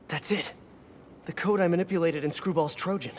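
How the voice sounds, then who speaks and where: Man playing a high-voiced, wry young superhero. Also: brisk, slight background noise, lightly acted. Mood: determined. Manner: conversational, wry, quippy asides to himself. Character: earnest, wisecracking young male superhero.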